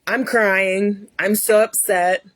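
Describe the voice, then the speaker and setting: A woman's voice: mid-range voice, steady tone, takes it slowly, dry recording. A woman in her fifties sharing a personal faith testimony in an earnest, emotional storytelling way. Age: 50s. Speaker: host.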